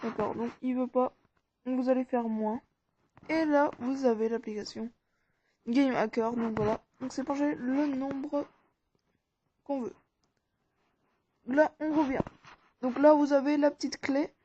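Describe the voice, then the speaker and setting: A woman's voice: high-pitched, steady tone, unhurried, long pauses, mellow, slight background noise. A woman talking viewers casually through an app tutorial step by step, informal and rambling. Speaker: tutorial maker. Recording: dull, dry lo-fi recording.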